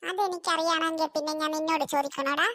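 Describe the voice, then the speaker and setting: A woman voicing a bossy older sister in a cartoon, a young girl with a high child voice who snaps at her little brother. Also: fairly even intonation, quick pace, sharp tone, no echo. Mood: scolding. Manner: bossy, snappy. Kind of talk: cartoon voice acting.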